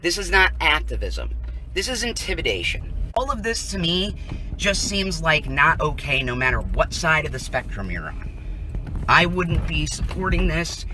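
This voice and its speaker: Deep-voiced and sing-song, an unhurried American woman records a protest from inside a vehicle on a residential street. Her live commentary is emphatic and indignant, full of rhetorical questions and pointed statements, captured on a low-quality recording.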